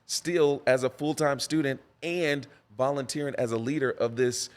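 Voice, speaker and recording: A man's voice: medium pitch, moderate pace. A man, a pastor and podcast guest, telling personal stories in a conversation with a preacher's cadence and lots of repetition for emphasis. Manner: animated storyteller, preacher's cadence, repeats for emphasis. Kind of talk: conversational storytelling interview.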